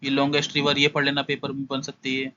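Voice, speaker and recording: Brisk young male exam tutor, bright voice. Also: mid-range voice, completely flat delivery, muffled recording. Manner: brisk, skims through points, repeats "must know". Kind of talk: casual exam-prep lesson.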